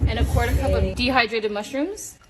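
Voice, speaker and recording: A young woman chatting through a casual food vlog, quick and joking as she cooks in her home kitchen on a phone. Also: fairly high pitch, background noise. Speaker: food vlogger.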